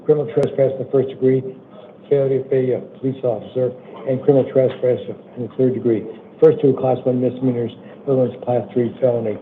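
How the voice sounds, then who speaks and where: With a weak voice that day, a male American judge handles initial appearance hearings, reading out charges and release terms. His delivery is mid-range, flat, plain-spoken, and informal, halting with repeated checks for understanding. The sound is thin and phone-like, with faint noise.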